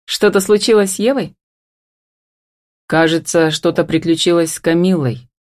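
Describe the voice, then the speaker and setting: A woman voicing a bossy, excitable young woman who gives orders and exclaims. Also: on the low side, moderate pace, no room sound, clean studio sound, natural voice. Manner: commanding, exclaiming.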